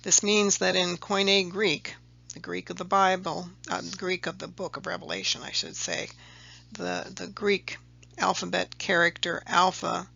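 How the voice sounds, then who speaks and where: A video presenter voices over slides explaining a letter-number table, going step by step methodically and sometimes correcting themselves. The voice is medium-pitched and gravelly with a sharp tone, and the highs are cut off.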